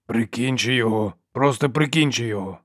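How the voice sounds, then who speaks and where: A man's voice: mid-range voice, brisk, fairly bright tone, no echo, studio quality, lightly acted. A man voicing a demanding older male fencing marshal who hisses urgent commands in an audiobook.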